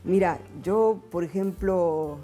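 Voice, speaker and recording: A woman's voice: fairly low pitch, slow pace, warm tone, faint music behind. A woman, raised in France, reflecting thoughtfully as an interview guest. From born in Argentina, raised in France. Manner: reflective, with frequent hesitations. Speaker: businesswoman and guest. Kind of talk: interview answers, reminiscing.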